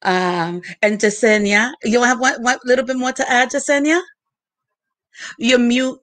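A woman's voice: fairly high pitch, fairly even intonation, measured pace, no echo. Affirming woman moderating a call. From Colombia. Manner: warm affirming interjections. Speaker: host, moderator. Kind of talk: moderating a panel on video call.

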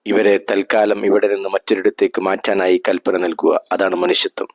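A devout, honest adviser, voiced by a man narrating. He talks earnestly and thoughtfully in a low, dry voice. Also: level tone, moderate pace, no room sound. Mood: persuasive. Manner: earnest and reflective. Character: pious, honest male adviser, calm.

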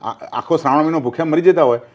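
A man's voice: fairly high pitch, very fast, highs cut off. An older man from Gujarat, a former newspaper journalist, talking politics in an interview and telling anecdotes, acting out quoted speech.

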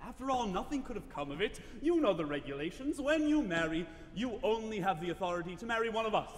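A man playing a fatherly old army sergeant in spoken opera dialogue on stage, a warm, teasing storyteller who turns blustery when alarmed. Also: sits high, animated, fast, slight background noise. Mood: soothing. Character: gruff fatherly older army sergeant, doting and protective. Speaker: opera singer-actor. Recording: echoey hall from off-mic, with music.

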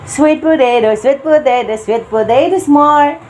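A young Filipino woman from the Philippines, a vlogger and mother, casually films at home in her living room. Her voice is high-pitched, unhurried, and darkish, with a Filipino accent and a slight hiss or hum in the audio. She switches between playful baby talk to her son and chatty asides to viewers, laughing often.

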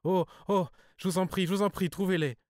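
A man's voice: on the low side, moderate pace, darkish tone, dry recording, studio quality, close to an everyday voice. A man voicing a distressed, hypnotized genteel woman who hesitates and pleads in a trembling voice. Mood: pleading.

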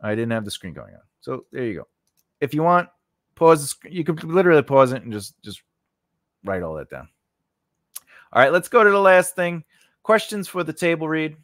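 Very animated, with a slightly high and a bit bright voice, this man in his forties moves at a moderate pace and leaves long pauses. He hosts an informal screenwriting lesson, chatty and rambling with "you know" and "right?" The sound is free of room tone, close on a large condenser boom mic in a small home studio.

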